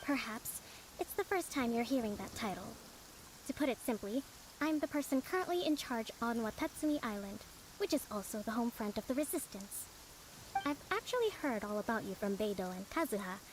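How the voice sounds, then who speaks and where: A woman's voice: on the high side, expressive, brisk, noisy background, lightly acted. A woman voicing a composed young priestess who leads a resistance in a video game, speaking politely and formally. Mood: courteous, composed.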